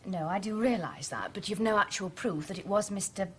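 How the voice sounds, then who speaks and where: A firm police inspector. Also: female voice, medium pitch, lively intonation, fairly bright tone, husky. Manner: firm, measured, authoritative. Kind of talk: 1980s British TV police drama.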